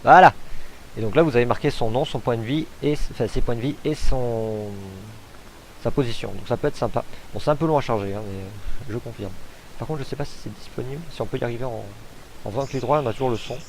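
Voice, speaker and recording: A man's voice: medium pitch, fast, darkish tone, a little hiss or hum, rough recording. A man casually commenting on gameplay as he demonstrates a game mod, chatty and hesitant, thinking aloud with fillers. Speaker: gamer showcasing a mod.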